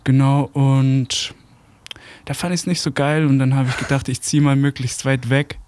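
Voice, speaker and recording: Easygoing young musician guest. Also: male voice, mid-range voice, little pitch movement, normal speed, a little mellow. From Karlsruhe area, Germany. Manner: casual, slangy, easygoing. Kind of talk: casual radio interview. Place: radio studio.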